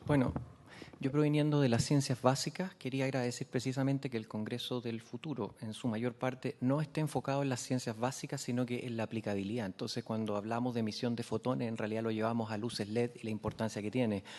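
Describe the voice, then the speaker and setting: A man, a scientist speaking in a committee session and explaining his points briskly. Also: medium pitch, little pitch movement, a little mellow. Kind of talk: committee discussion.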